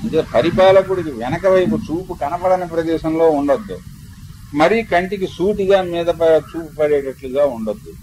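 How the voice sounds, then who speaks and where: An older man with a Telugu accent, a spiritual teacher who chants verses slowly and melodically, then explains them in a discourse. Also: fairly high pitch, a little mellow, slight background noise, low-quality recording. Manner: explanatory storytelling lecture.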